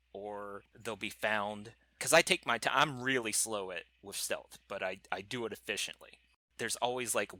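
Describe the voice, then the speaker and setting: A man's voice: fairly low pitch, bright, forceful tone, dry recording. A man co-hosting a podcast, chatting casually and rambling a little as he corrects himself. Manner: rambling, self-correcting gamer talk. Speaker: podcast co-host. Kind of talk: casual chat.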